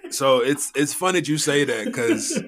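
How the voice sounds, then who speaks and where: Bright, punchy American man chatting casually. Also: mid-range voice, animated, moderate pace. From United States. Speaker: podcast co-host. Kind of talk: casual chat and anecdotes.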